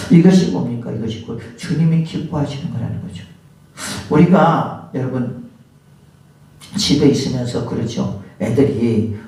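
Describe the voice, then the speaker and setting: A man's voice: mid-range voice, warm tone. A male pastor preaching a sermon, putting rhetorical questions to the congregation and sometimes acting out the voices of people in his examples. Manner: acts out scolding voices in the examples. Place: church sanctuary. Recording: very echoey church hall, mic at a distance.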